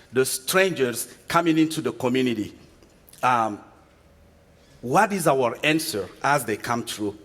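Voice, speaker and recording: A man from Chad giving a guest sermon, speaking earnestly and measured, often restarting his words. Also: medium pitch, fairly bright tone. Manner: earnest, measured delivery with frequent restarts and fillers. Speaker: guest preacher from a refugee agency. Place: church sanctuary. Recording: long reverb from a church sanctuary.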